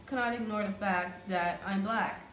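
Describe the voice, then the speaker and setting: A woman's voice: mid-range voice, moderate pace, a bit bright, reverberant, slight background noise. A woman from the Caribbean, co-hosting a casual couple's vlog, talking earnestly with many fillers and restarts. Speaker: vlogger, co-host of a couple's channel. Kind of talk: casual chat.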